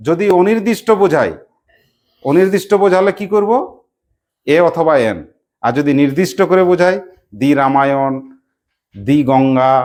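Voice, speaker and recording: A teacher giving a classroom lesson, quizzing pupils with repeated questions and briskly praising correct answers. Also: mid-range voice, a little mellow.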